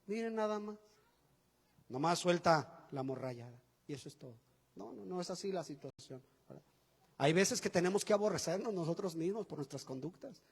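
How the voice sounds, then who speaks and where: A man preaching a sermon as pastor, animated and folksy, acting out quotes with chatty asides to the congregation. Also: high-pitched, breathy edge. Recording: long hall reverb.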